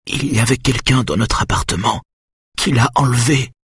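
A man's voice: mid-range voice, lively intonation, moderate pace, a bit bright, slightly rough, dry recording, clean studio sound, pitched above the performer's own voice. A man voicing a distraught young mother who pleads weakly through tears in an audiobook. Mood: desperate. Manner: breathless, pleading and tearful.

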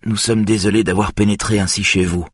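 A man's voice: lowish voice, little pitch movement, a little fast, husky, dry recording, clean studio sound, voice pushed up. A man voicing an exhausted young man who pleads urgently.

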